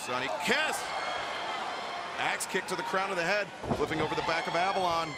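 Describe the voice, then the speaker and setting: A male wrestling commentator with a high-pitched voice calls the action move by move in clipped, exclamatory phrases. A loud crowd roars behind him, and the arena noise is very heavy throughout. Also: brisk. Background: loud crowd and arena slams.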